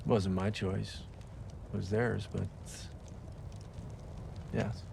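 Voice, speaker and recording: A calm, gravelly preacher. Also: male voice, fairly low pitch, very slow, noisy background, heavily acted. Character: soft-spoken man, a preacher leading a hungry group. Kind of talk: TV drama acting.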